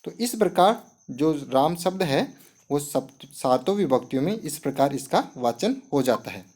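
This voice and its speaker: A man's voice: a little high, animated, moderate pace, darkish tone. A man teaching a Sanskrit lesson, explaining step by step and asking and answering his own questions. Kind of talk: classroom lesson.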